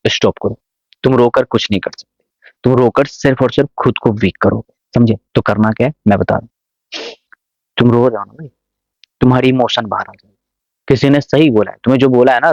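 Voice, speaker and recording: A man's voice: medium pitch, no echo, dull audio. A man vlogging casual motivational advice to camera, coaxing, often checking that viewers understand. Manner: coaxing, keeps asking if you understand.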